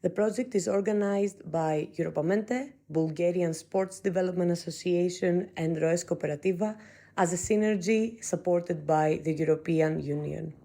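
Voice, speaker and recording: A woman hosting a podcast, reading the intro and asking questions in a calm, measured way. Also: on the low side. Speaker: podcast host.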